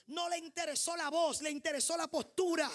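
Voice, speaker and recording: A woman preacher with a high-pitched voice giving a fervent, declamatory sermon, often raising her voice to a shout. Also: steady tone, brisk.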